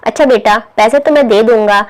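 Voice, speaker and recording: A patient, weary middle-aged father, read out by a woman, speaking in a gentle, fatherly way that tips into exasperation. The voice stays fairly high. It is a storybook reading. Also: brisk, lightly acted.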